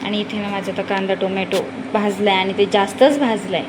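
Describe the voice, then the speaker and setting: A woman's voice: medium pitch, flat delivery, a little fast. A young woman explains her cooking step by step in a homely way in her kitchen. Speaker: home vlogger. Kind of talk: casual cooking vlog chat. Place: home kitchen. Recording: home recording with clear background noise.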